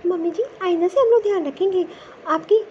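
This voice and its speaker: Cartoon elder daughter-in-law, calm and obedient, high and sweet, as a woman voices her, faint hiss. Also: fairly quick, dull audio. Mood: soothing. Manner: soothing, obedient. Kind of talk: cartoon story voice acting.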